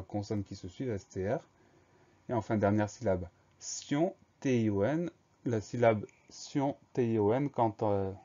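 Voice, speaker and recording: A man's voice: on the low side, warm tone. A man teaching a spelling dictation lesson, patiently spelling each word letter by letter. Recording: dull lo-fi recording.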